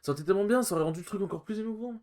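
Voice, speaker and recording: A man's voice: sits high, rapid-fire, a little mellow. A man hosting a let's play, commenting casually and reacting emotionally with playful, offhand swearing.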